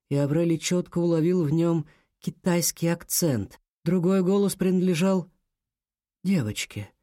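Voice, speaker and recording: Guy narrating a kids audiobook, slightly high voice, steady pace, dry sound. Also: dry recording. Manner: measured, storytelling delivery.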